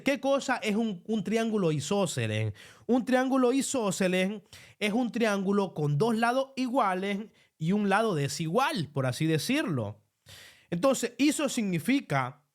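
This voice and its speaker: Lively, slow-paced male preacher. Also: sits high. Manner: explains slowly, tells listeners to underline verses. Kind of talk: Bible teaching sermon.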